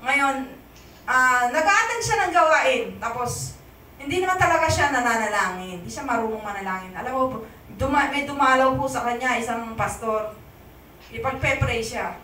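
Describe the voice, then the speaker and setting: A woman's voice: fairly high pitch, normal speed, pushed and bright, a little hiss or hum. A Filipino woman pastor giving a conversational sermon, often asking the congregation "amen?", recorded in an echoey church hall from a distance.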